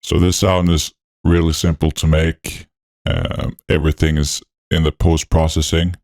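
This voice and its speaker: A man talking through a voice changer that deepens his voice. He hosts a music production tutorial, narrating each step in a laid-back, technical way with frequent fillers. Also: little pitch movement, measured pace, a little mellow, no room sound, clean studio sound. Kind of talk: walkthrough narration over a screen recording.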